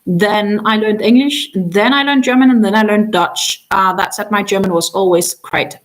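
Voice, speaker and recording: A chatty woman hosts a crochet livestream, casually talking with lots of ums, trailing off and starting again because she's tired after a long day. Danish is her first language, and her mid-range voice moves at normal speed over poor audio.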